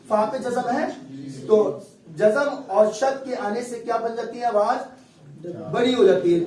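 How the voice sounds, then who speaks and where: A man's voice: very high voice, a little mellow, a little hiss or hum. Give me a male teacher patiently explaining reading rules to a class, recorded from a distance in a roomy hall. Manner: explains step by step and quizzes students with questions. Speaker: Quran recitation teacher. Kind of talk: classroom tajweed lesson.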